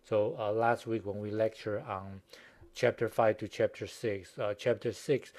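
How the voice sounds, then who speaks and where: Chinese-accented guy lecturing online, lots of ums and restarts, kinda low voice. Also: steady tone, measured pace, darkish tone. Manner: hesitant, many fillers and restarts. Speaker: university professor.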